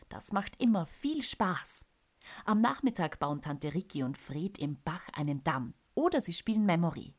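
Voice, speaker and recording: Slow, lively woman reading a storybook. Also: on the low side, husky. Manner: expressive, drops to a whisper for suspense. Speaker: narrator. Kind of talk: reading a children's picture book aloud.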